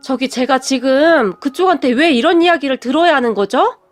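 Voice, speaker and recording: Woman reading a cold grown son, clipped and icy, high voice, soft music under. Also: brisk, natural voice. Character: cold, resentful adult son.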